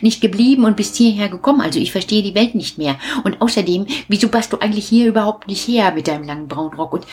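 A woman voicing a chatty, nosy lady in a children's story, firing off excited questions. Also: medium pitch, quick pace, hardly any pauses, a little hiss or hum, pitched above the performer's own voice, close to an everyday voice. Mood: astonished, questioning. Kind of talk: storybook reading.

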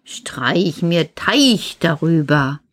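A woman voicing a sly, threatening male wolf in a fairy tale, speaking slowly and low. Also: lively intonation, dry recording, clean studio sound, exaggerated voice. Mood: menacing. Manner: slow, low and menacing.

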